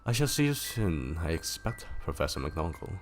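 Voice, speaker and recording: A man reading aloud as an old, wise male wizard headmaster, speaking calmly with dry humor in a gravelly voice. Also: deep voice, moderate pace, soft background music. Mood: subdued.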